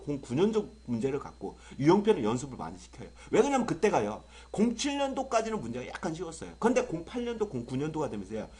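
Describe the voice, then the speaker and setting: A young adult man teaching English gives an online exam-prep lecture despite a sore throat from a cold. He's excitable and exaggerated, full of rhetorical questions, and his slightly high voice has a breathy edge.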